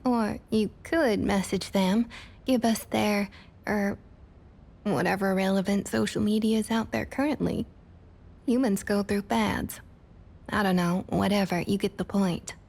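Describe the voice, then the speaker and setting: In this intimate ASMR roleplay, scripted as character acting, a woman plays a vampire council member who has lived for centuries and lords over the listener with cool, Southern possessiveness. She drawls in a Southern US accent, her husky, breathy voice medium in pitch and often half-whispered. With fairly even intonation and measured pace, she sounds dismissive, controlling, condescending and quietly threatening.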